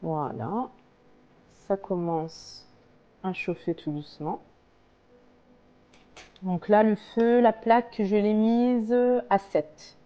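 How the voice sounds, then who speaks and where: A woman's voice: medium pitch, fairly even intonation, slow, pauses often, warm tone, highs cut off. A woman casually talking through a recipe step by step as a home cook, in a hesitant, explanatory way. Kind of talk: casual cooking tutorial, talking through steps.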